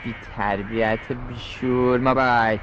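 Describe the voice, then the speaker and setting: A man's voice: mid-range voice, fairly even intonation, fairly bright tone, highs cut off, a little hiss or hum, lightly acted. A man voicing a cheeky, rude young male actor in a cartoon, talking back with a cocky manner.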